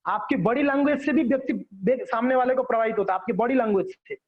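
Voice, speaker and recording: A man's voice: very high-pitched, fast. A man giving a conversational devotional class, checking in with listeners and acting out examples. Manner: conversational teaching with frequent check-ins and acted examples. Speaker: devotional lecturer. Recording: dull lo-fi recording.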